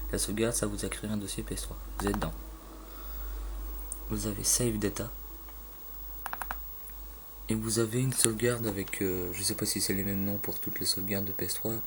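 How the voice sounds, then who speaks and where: Low flat-voiced man, phone-filmed tutorial. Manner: halting, many fillers and restarts, loose slang. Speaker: gaming tutorial maker. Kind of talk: casual screen tutorial. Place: indoors at a home computer. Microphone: phone filming a screen. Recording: phone recording with faint room noise.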